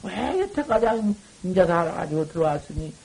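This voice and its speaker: A man giving a dharma talk to monks, folksy and colloquial, swinging from loud exhortation to low murmurs. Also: very animated, fairly quick, gravelly, breathy edge, rough recording. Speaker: Buddhist monk teaching.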